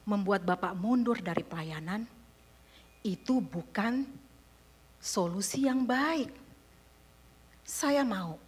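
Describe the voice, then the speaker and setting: Calm old pastor talking low and soft, almost whispering, woman doing the voice. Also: husky, in a large hall. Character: gentle older male pastor giving counsel.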